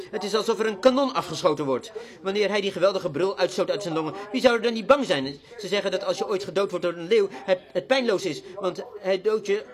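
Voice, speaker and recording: A man preaching a sermon to a congregation in a church, with a fervent, repetitive cadence. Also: sits high.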